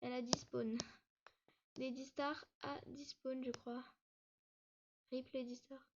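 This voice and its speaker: This YouTuber's slightly high, level voice narrates a quick, casual walkthrough of her game map. Hesitant and full of fillers and restarts, she notes she can hardly catch her breath and sounds it. The sound is dull and muffled, like a budget mic.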